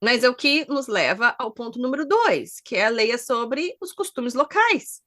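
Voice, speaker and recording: A woman's voice: on the high side, moderate pace. A woman, co-hosting a podcast in casual chat, giving advice and steering the topics. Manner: lively, gives advice and leads topics. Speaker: podcast co-host.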